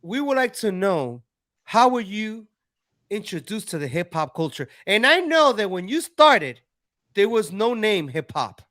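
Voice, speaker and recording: A man with a high, bright, forceful voice hosts a relaxed interview. He talks in a friendly, rambling way and often restarts his sentences. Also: a little slow, dry recording, clean studio sound. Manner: friendly, rambling, repeats words. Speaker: host. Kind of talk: casual interview chat.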